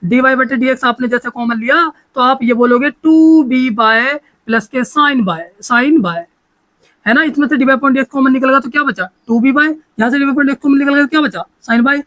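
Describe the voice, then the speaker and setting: A man's voice: very high voice, moderate pace, a bit bright, poor audio. A man teaching a maths lesson, talking in a repetitive, coaxing way and often checking that students follow.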